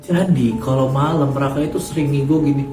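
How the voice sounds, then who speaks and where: A man's voice: medium pitch, steady tone, a little fast. A man hosting a horror story channel, chatting casually and addressing his listeners directly. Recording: echoey room, faint music.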